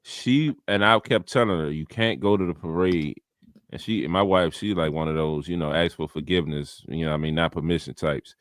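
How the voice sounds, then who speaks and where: A man's voice: a bass voice, fairly quick, hardly any pauses, no echo, clean studio sound. A married man co-hosting a casual sports talk show, telling stories in a laid-back way. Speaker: podcast co-host.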